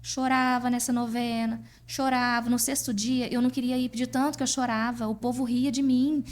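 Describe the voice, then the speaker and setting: A Brazilian woman, a podcast guest, telling a personal story in a lively way and acting out what people said. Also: fairly high pitch, moderate pace. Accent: Brazilian Portuguese. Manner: lively, acts out dialogue in her stories. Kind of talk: personal storytelling in casual chat.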